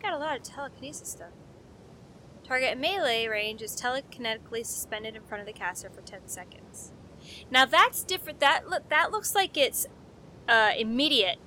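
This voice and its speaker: A woman's voice: fairly high pitch, bright, forceful tone, a little hiss or hum. A young woman doing let's play commentary, sarcastic and joking, reading game text aloud and swearing now and then. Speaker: gameplay streamer.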